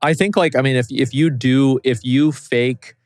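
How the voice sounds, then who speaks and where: A man's voice: medium pitch, fairly even intonation, normal speed, dry recording, studio quality. A man co-hosting a podcast, chatting casually and loosely, swearing often and leaning on fillers. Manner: laid-back, swears a lot, many fillers. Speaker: podcast co-host. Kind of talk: casual chat.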